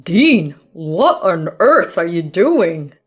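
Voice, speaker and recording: A woman's voice: fairly low pitch, very animated, drawn-out words, exaggerated voice. A woman voicing a stern older father, disappointed and reproachful. The voice stays near her own, set over faint background music.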